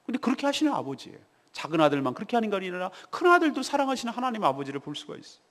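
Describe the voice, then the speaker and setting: Emphatic pastor with a high, lively voice. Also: male voice, rapid-fire, big-room sound. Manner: emphatic, asks the congregation rhetorical questions. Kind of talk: morning devotional sermon. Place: church sanctuary.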